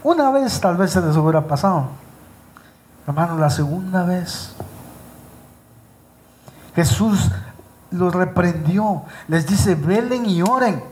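A pastor preaching a live sermon to his congregation in church. He slows down and stresses his words when he reads scripture, and he speaks directly to the people in front of him. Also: high voice, a little mellow.

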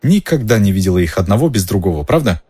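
A man voicing a chatty, curious middle-aged female innkeeper in a raised, softened voice, reading an audiobook. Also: lowish voice, sing-song, fast talker, husky, dry recording. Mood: reminiscing. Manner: gossipy, curious, lilting. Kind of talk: audiobook character voice.

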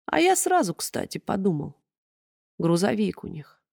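A woman's voice: mid-range voice, big pitch swings, a little slow, creaky, a little mellow, no echo, clean studio sound, heavily acted. A woman reading an audiobook, voicing a chatty know-it-all man in rambling, colloquial speech. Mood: smug.

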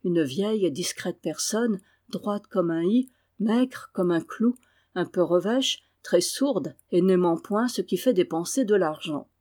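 A woman narrating a classic novel as an audiobook reader, with a measured reading that lifts into emotion in the dialogue. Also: lowish voice, expressive, mellow.

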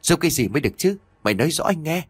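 A man voicing a blunt young farmer who talks gruffly, like an older brother scolding. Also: mid-range voice, lively intonation, brisk, fairly bright tone, no echo, pitched above the performer's own voice. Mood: tense blunt.

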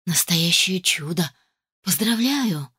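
A woman's voice: on the low side, animated, slow pace, sharp tone, slightly rough, no room sound, clean studio sound, heavily acted. A woman voicing a cheerful middle-aged father in an audiobook, hearty and welcoming. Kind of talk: audiobook character voice.

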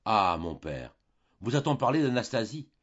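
A man's voice: fairly low pitch, sing-song, moderate pace, a bit bright, muffled recording. A man doing a coaxing young baroness. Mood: soothing.

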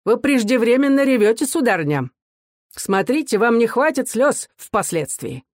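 A reader doing a contemptuous gendarme officer for a storybook recording, barking cold, mocking orders. The voice sits higher and louder than the narration. The sound is dry and close, with no room echo. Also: moderate pace, close to an everyday voice. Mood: sneering commands.

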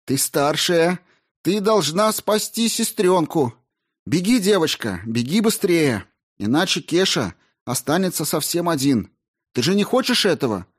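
A man voicing a resolute aunt who speaks firmly yet gently and with urgency. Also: medium pitch, lively intonation, a little slow, pitched above the performer's own voice, lightly acted. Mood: urgent. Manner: urgent, firm and gentle at once. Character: middle-aged aunt, resolute yet tender woman.

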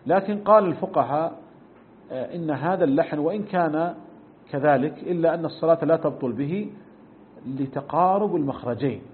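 A middle-aged man teaches a religious text at a brisk pace, explaining each point and repeating sounds to show how they are said. The recording is thin and phone-like, with a faint hiss underneath. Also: a little high. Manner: explanatory, repeats and demonstrates pronunciations. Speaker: sheikh teaching a fiqh text. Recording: tinny phone-like lesson recording.

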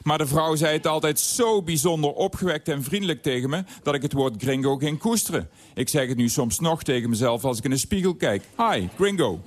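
Radio columnist, male, fairly high voice, dry wit, reading a scripted piece in a studio. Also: brisk, few pauses.

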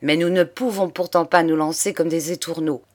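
A woman reading the lines of an elderly count, a grieving but energetic aristocratic father who speaks earnestly and tenderly in an audiobook of a crime novel. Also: low-pitched, moderate pace. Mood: fatherly. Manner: earnest, paternal, exclamatory.

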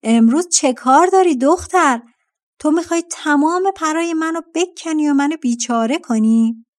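A woman voicing a giant male vulture in a fairy-tale audiobook, loud and fierce in his demands. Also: fairly high pitch, lively intonation, lightly acted. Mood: angry.

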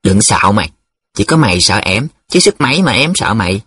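A man voicing a blunt, skeptical young male student who scoffs at his friends, with a husky voice. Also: lowish voice, sing-song, fairly quick, a bit bright, full character voice. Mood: mocking.

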